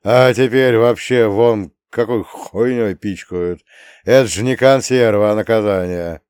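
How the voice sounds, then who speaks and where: A male reader puts on a gruff old war veteran grandfather from an audiobook, coarse and swearing as he grumbles. He speaks a bit louder and slower than the narration, in a low register. The recording is dry and close. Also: no room sound, close to an everyday voice. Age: older.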